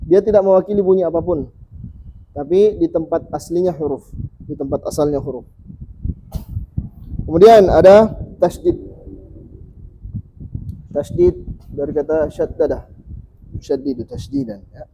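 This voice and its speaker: Seorang guru mengaji pria yang mengajar kelas dengan sabar, mengulang bunyi huruf perlahan untuk murid-muridnya. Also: male voice, on the high side, lively intonation, vocal fry, dark tone, a little hiss or hum, poor audio. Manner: patient, repeats sounds slowly for students. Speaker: Quran reading teacher. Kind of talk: teaching a class.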